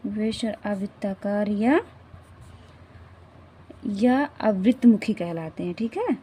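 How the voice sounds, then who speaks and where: A woman's voice: medium pitch, slow, dark tone, husky. A woman teaching a grammar lesson, repeating herself and often checking that the class follows. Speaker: Hindi teacher.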